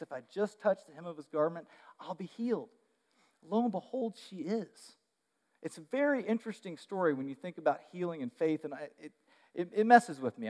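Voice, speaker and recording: A man preaching a sermon, telling the story in an animated way with frequent fillers and restarts. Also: high-pitched, big-room sound.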